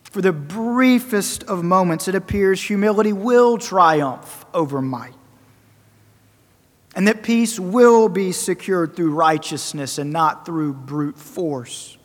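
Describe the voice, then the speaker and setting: A man preaching a sermon, emphatic and rhetorical, repeating phrases for effect and swinging between loud and soft. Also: sits high, slow. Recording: long reverberant hall.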